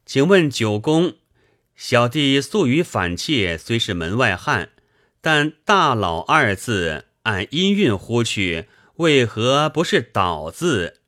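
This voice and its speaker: Man reading as a polite young scholar, eager to learn, slowish. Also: medium pitch, sing-song, fairly bright tone, no echo, studio quality. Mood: earnest. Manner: polite, earnest, inquiring. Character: earnest young male scholar, polite and curious.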